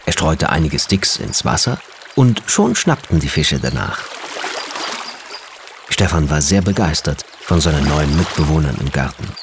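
Low-voiced man reading a children's story. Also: measured pace, noisy background. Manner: gentle, lively storytelling with many voices.

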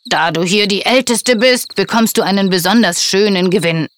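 A woman's voice: mid-range voice, moderate pace, slight background noise, natural voice. A woman voicing a friendly male mayor who comforts and encourages, in a children's audio story. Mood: kindly.

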